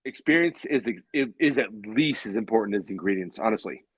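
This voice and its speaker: Here the beer hangout show's co-host, a man in his late thirties, talks a little fast in a husky, expressive, lowish voice. His casual chat rambles and leans on repeated phrases for emphasis, and there's no echo.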